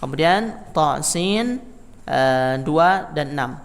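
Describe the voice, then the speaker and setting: Slow-speaking man teaching in an echoing hall. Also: fairly high pitch, lively intonation. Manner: counts the class in and demonstrates letters in sung recitation. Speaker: Quran recitation teacher. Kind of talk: Quran recitation class. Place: mosque hall. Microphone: microphone in a hall.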